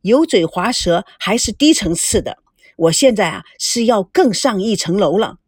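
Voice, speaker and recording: A woman's voice: medium pitch, expressive, moderate pace, a little mellow, breathy edge, no echo, studio quality. A woman narrator voicing a glib young man who jokes and teases, in a storybook reading. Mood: smug. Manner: glib, joking. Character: teasing, wisecracking young man.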